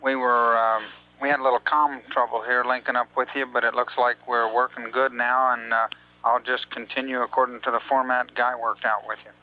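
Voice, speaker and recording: A man's voice: mid-range voice, little pitch movement, brisk. A man speaking as a mission control communicator in terse, procedural radio phrases over a two-way radio. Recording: muffled, hissy space mission radio.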